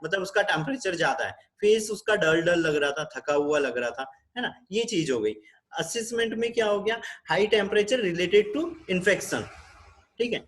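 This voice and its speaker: Indian male nursing tutor, high voice, online class, patient, teacherly, questions the class. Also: animated, a little fast, fairly bright tone. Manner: teacherly, keeps checking with the class; switches between Hindi and English. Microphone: video call.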